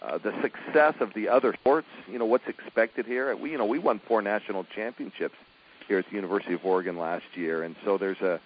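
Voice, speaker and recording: A middle-aged man, a college basketball coach, chats in an easygoing way with plenty of fillers, restarts and chuckles. His voice sits a little low. It comes through a dull, muffled line with a faint hiss behind it. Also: fast talker. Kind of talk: phone interview, casual chat.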